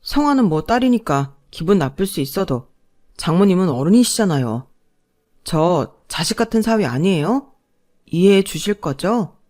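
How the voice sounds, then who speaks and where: A woman's voice: on the low side, sing-song, moderate pace, a little mellow. A snobbish son-in-law from an audio story, played by a woman narrator. He talks down to people in a condescending, self-justifying way. His voice stays close to the reader's own, only a little raised. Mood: wheedling. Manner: condescending, wheedling, then scornful. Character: arrogant young husband, snobbish son-in-law.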